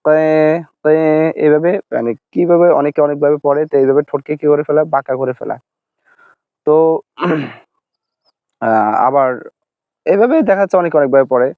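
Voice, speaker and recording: A man with a fairly high, crisp, smooth voice patiently teaches pronunciation, repeating each sound slowly. The recording is dry and a bit dull and lo-fi. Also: dry recording. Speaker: Quran recitation teacher. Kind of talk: Arabic pronunciation lesson.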